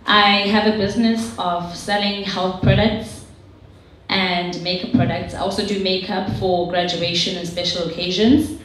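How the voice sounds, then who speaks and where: Lowish-voiced woman speaking in an echoey hall. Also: steady tone, a little slow, fairly bright tone. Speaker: audience member, small business owner. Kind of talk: informal self-introduction and pitch to audience. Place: large echoey indoor venue. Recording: very echoey room, faint noise.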